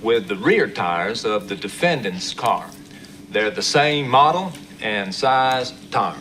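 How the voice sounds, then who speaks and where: A man's voice: lowish voice, lively intonation, takes it slowly, pushed and bright, slight background noise, exaggerated voice. An actor playing a male expert witness giving technical testimony in a matter-of-fact way. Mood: factual.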